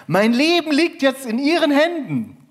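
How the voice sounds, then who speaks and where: A man's voice: extremely high pitch, sing-song, normal speed, voice pushed up. A man voicing a mysterious stranger who hangs from a rope and insists someone else hold it. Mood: pleading. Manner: pleading, insistent.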